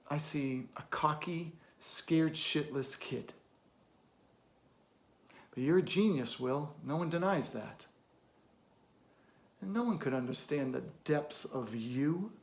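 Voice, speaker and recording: With a mid-range voice, the actor gives a stern, blunt performance of the weary middle-aged therapist's film monologue, measured and deliberate, broken by weighty pauses and emphatic outbursts.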